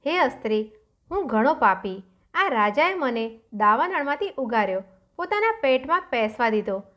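A woman's voice: sits high, big pitch swings, normal speed, fairly bright tone. A woman voicing a repentant revived cobra. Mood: remorseful.

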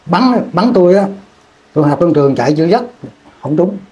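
Here a veteran from Vietnam, interviewed for an oral history, reminisces about the war in a rambling way, often restarting sentences and repeating words. He speaks fairly quickly and animatedly, in a high-sitting voice with a dark tone.

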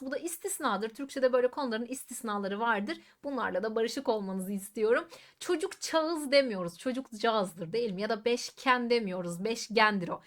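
Emphatic woman teacher, higher voice. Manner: emphatic, repeats words slowly to show sounds; addresses students directly with questions. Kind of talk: exam-prep grammar lesson.

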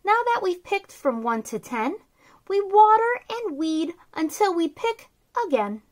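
A woman in her thirties reads a picture book aloud for a children's story time, her very high voice bubbly, sing-song and unhurried. She's in a small, decorated room indoors.

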